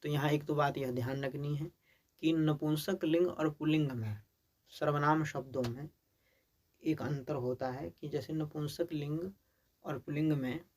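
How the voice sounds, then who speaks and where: A man teaching a Sanskrit grammar lesson, reciting word forms in steady lists and explaining between them in Hindi. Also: on the high side, a little slow.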